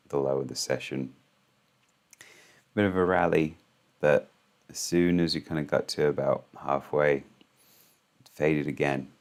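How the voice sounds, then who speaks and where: A man with an extremely low, hoarse voice runs through the morning's market moves. Casual and halting, he fills his talk with ums and restarts, like a host thinking aloud on his own channel.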